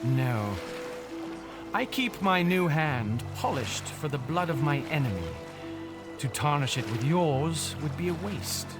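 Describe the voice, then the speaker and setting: A tyrannical pirate captain, a little high for a man and unhurried in his delivery. He is contemptuous and theatrical, ordering underlings about in a dramatic audio production with music playing loudly behind him. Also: big pitch swings. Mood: cold, menacing. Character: bitter, commanding male pirate captain, former banker turned tyrant.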